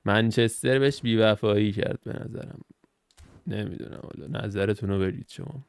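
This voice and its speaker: A young Iranian man runs a gaming channel, chatting casually and thinking aloud as he reacts to the cards he opens during gameplay. His voice is smooth and fairly low, with no echo.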